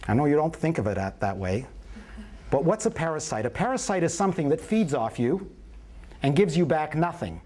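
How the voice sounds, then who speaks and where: A man lecturing a live prenatal class, his voice sitting a little high for a man. He teaches like a storyteller, folksy and playful, and keeps checking in with the room. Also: big pitch swings, fairly quick, mellow.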